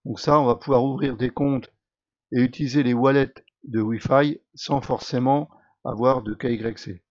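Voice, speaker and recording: A man of middle pitch explains a product in a casual, conversational walkthrough, often stopping on filler sounds as he gathers his thoughts. The recording is dry and close, with a dull, somewhat lo-fi tone. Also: steady tone, normal speed, a little mellow, no room sound. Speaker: video creator presenting a crypto product. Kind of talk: explanatory screen-share walkthrough.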